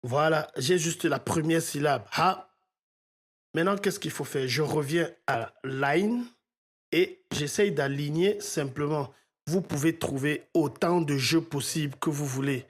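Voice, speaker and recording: A man's voice: fairly high pitch, unhurried. A man teaching audio mixing in a step-by-step tutorial, often checking in with his viewers. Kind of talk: screen-recorded software tutorial.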